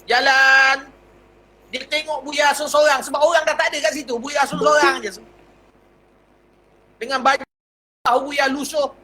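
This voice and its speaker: A Malaysian man with a Malay accent, a religious teacher telling a personal story in a lively, anecdotal lecture. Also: extremely high pitch, normal speed, pauses often, poor audio. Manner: lively anecdotal telling, acts out dialogue, chuckles.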